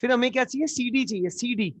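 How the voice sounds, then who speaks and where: A man's voice: extremely high pitch, fast, dry recording. A man teaching a live geometry class, coaxing students with repeated questions. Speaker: math teacher. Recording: dull lo-fi online class audio.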